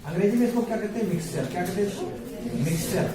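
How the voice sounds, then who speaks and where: A man's voice: high voice, very fast. A male teacher giving a classroom science lesson, firing repeated questions at the students and answering them himself in a call-and-response drill. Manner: calls students "babu" affectionately. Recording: echoey room, voice far from mic, background noise.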